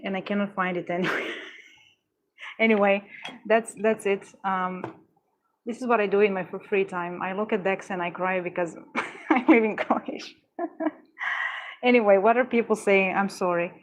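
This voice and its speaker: A woman's voice: mid-range voice, fairly even intonation, normal speed, long pauses, slight background noise. A young adult woman livestreaming, chatting casually with her viewers in a gushing, exclamatory way, often stumbling and restarting her words. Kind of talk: casual chat with live viewers.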